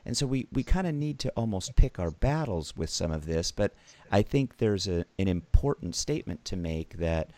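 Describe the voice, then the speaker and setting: A man hosting a podcast interview, relaxed, with small laughs and affirmations. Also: sits low, normal speed, no echo. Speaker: podcast host. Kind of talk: casual interview chat.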